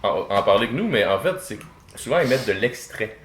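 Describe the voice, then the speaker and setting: Fast, lively Québécois man. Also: lowish voice. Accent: Québécois French. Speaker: co-host presenting products. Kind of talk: casual, explanatory tasting chat. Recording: echoey room with faint noise.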